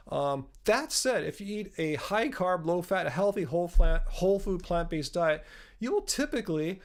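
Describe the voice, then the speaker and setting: Man in his fifties, slightly high voice, rambling live-stream host, casual chat. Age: 50s. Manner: chatty, rambling, self-correcting, laughs at own jokes.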